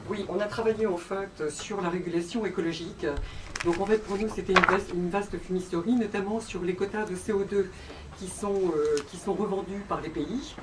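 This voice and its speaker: Audience member at a conference, no microphone, rambling and emphatic, mid-range pitch. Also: fairly even intonation, a little fast. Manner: rambling, many fillers, emphatic. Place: conference room. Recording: distant voice with background noise.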